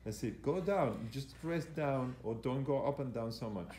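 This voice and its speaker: A man's voice: medium pitch, moderate pace, darkish tone. Male fitness coach in an echoey gym. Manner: hesitant, repetitive, instructional. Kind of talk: live exercise demonstration commentary. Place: indoor gym. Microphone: handheld camera operated by the speaker. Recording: echoey room, faint background noise.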